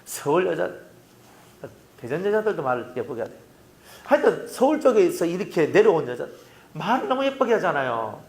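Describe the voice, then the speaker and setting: A man's voice: a little high, very animated, moderate pace, gravelly, a little mellow, slight background noise. A middle-aged man with a Gyeongsang accent, preaching a sermon as pastor in a folksy, joking way, often asking the congregation questions. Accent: Gyeongsang Korean.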